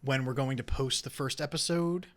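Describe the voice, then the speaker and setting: A man's voice: mid-range voice, normal speed. A man, co-hosting a casual podcast, laid-back and swearing casually. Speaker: podcast co-host. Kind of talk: casual chat.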